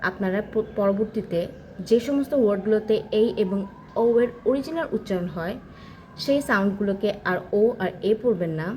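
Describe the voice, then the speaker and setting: A woman giving an English pronunciation lesson, explaining step by step and saying example words slowly and clearly. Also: mid-range voice, a little mellow, a little hiss or hum, poor audio. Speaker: English teacher.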